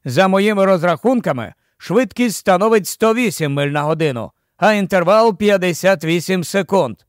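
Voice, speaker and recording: A man voicing a calm, commanding army captain who speaks to his young officer in a steady, patient, gently scolding way. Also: high voice, moderate pace, no room sound, studio quality.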